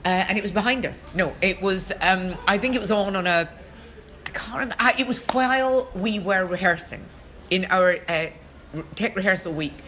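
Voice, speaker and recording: A woman's voice: medium pitch, fairly quick, a bit bright. A woman co-hosting a podcast, telling a story in a chatty, wry, teasing way. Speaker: podcast co-host. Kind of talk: casual chat.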